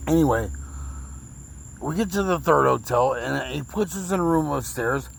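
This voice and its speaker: A man's voice: a little high, lively intonation, normal speed, gravelly, a little hiss or hum, low-quality recording. A man telling his own story in a rambling, emotional way, his speech slurred after a recent stroke. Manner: rambling, repeats words, emotional. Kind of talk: casual personal storytelling.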